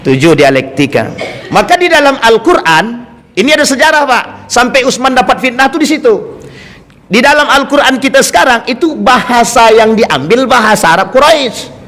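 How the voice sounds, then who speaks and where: Ustaz bersuara tinggi di aula bergema. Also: male voice, extremely high pitch, animated, normal speed, pushed and bright. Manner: addresses the congregation directly, storytelling with questions. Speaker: Islamic preacher. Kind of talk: sermon. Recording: long hall reverb.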